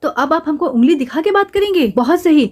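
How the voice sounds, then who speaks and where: A woman's voice: high voice, animated, a little fast, darkish tone. A woman voicing a hot-tempered middle-aged aunty who scolds and threatens to leave her husband, in a doll drama. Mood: indignant. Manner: scolding, indignant.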